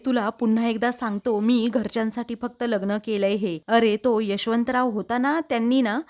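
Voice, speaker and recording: A woman's voice: a little high, a little mellow, natural voice. A woman reading the lines of an elder brother who defends himself, hurt and angry. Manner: pleading then angry, repeated questions.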